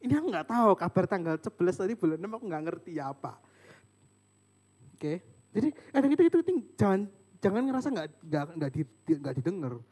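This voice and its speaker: High-voiced young man preaching casually. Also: a little fast. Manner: animated, joking with the audience, mimics family voices. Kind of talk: casual sermon storytelling. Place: church service room.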